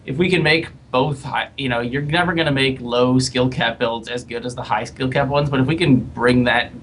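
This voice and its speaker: Man, mid pitch, halting thoughtful talk, podcast panel, faint rumble. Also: fairly even intonation, fairly bright tone. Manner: hesitant, many fillers and restarts. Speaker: game developer.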